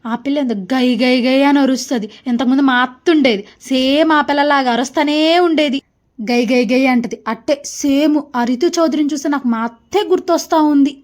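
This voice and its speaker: A woman performing a one-woman comedy skit as a mother, gossiping chattily and scolding her daughter loudly. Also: high-pitched, moderate pace. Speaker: comic sketch creator.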